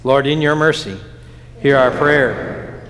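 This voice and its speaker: A man leading prayers in a church chapel in a measured, solemn liturgical cadence, his voice ringing with a cathedral-like echo. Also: medium pitch, a bit bright. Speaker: pastor. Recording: long church reverb.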